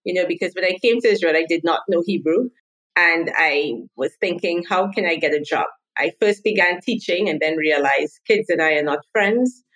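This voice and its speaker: Woman, 30s, podcast guest, chatty, fairly low voice. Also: normal speed, fairly bright tone, poor audio. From Trinidad and Tobago. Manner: chatty storytelling. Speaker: guest, marketing consultant. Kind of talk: podcast interview.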